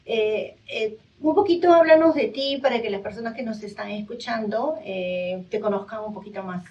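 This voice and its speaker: A woman hosting a live radio interview from a studio, speaking hesitantly with many drawn-out fillers. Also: medium pitch, a little mellow. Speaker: radio host. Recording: dull, distant radio recording.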